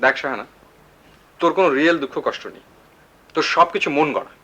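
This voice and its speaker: An actor playing a blunt, teasing older brother in a 1980s TV drama, lecturing in a mocking way. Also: male voice, a little high, animated, fast, bright, forceful tone, low-quality recording. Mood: scolding.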